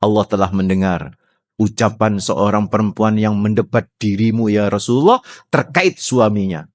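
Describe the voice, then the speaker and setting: A man giving a mosque sermon as an ustadz. He tells the story in a lively way and keeps quizzing the audience. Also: lowish voice, normal speed, no room sound, clean studio sound. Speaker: ustadz, Islamic preacher. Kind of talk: morning mosque study sermon.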